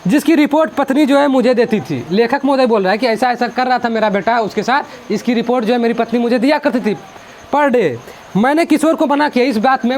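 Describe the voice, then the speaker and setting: Guy teaching a hindi chapter, chatty and keeps repeating, really high voice. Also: slight background noise. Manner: chatty, repetitive, mixes in English words. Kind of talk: explaining a school literature chapter.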